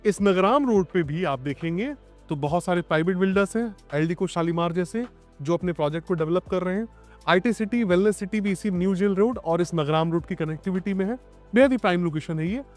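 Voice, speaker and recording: A man's voice: high-pitched, brisk, soft background music. A man with a Lucknow Hindi accent hosting an outdoor walkthrough of a property site, explaining to viewers and questioning a guest. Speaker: property video host.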